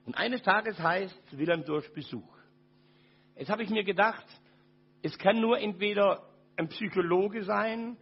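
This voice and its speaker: An older man giving a personal testimony to an audience, dramatic, dropping from loud to very quiet. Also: high-pitched, vocal fry, husky, highs cut off.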